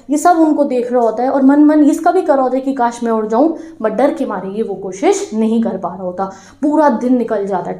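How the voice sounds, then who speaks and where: A woman teacher retelling a story to her students in a lively way, asking them questions as she goes. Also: on the high side, roomy sound. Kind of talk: storytelling lesson explanation.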